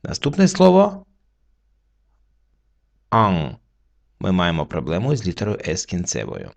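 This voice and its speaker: Gravelly low-voiced male teacher. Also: huge pitch swings, darkish tone. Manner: slow, patient explaining with pauses. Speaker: French teacher. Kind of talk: word-by-word reading lesson.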